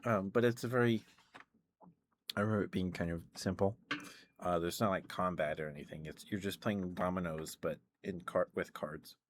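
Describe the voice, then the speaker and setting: A man with a low-pitched voice talks casually on an ASMR stream. He meanders through his thoughts hesitantly, in the manner of someone chatting to viewers. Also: steady tone, normal speed, slight background noise. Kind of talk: casual ASMR rambling to chat.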